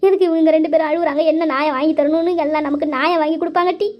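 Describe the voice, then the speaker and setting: A woman's voice: sits high, steady tone, very fast, lo-fi sound, close to an everyday voice. A woman voicing a wronged young village woman, talking in a whiny, complaining way. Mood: wailing.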